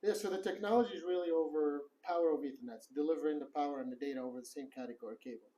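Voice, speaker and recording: Middle-aged guy from morocco, kinda high voice, calm steady tech explainer in an office interview. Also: very fast, slight background noise, poor audio. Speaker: guest, tech co-founder. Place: office in the city.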